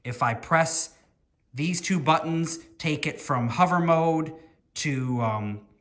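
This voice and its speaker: A man's voice: a little high, slow, fairly bright tone. Chatty man reviewing a toy. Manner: chatty and rambling, thinks aloud while working with his hands. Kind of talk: casual hands-on product review.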